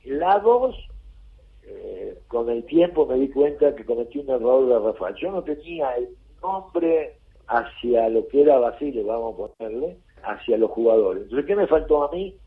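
A man's voice: mid-range voice, animated, normal speed. A man with an Argentine accent, a football coach guest on a radio interview, telling stories in a blunt, colloquial way. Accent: Rioplatense Spanish. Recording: phone-line radio call.

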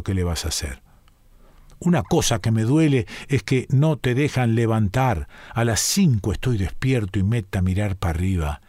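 A man's voice: lowish voice, a little mellow, no echo. Rioplatense man reading a musing monologue. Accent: Rioplatense Spanish. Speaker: reader performing a monologue. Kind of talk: dramatic first-person story reading.

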